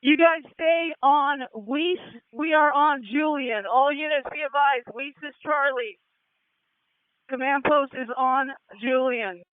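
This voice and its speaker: High-pitched man barking orders over radio. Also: no echo. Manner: brisk, clipped orders. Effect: two-way radio transmission. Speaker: fire incident commander. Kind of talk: fireground radio traffic. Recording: tinny dry radio channel.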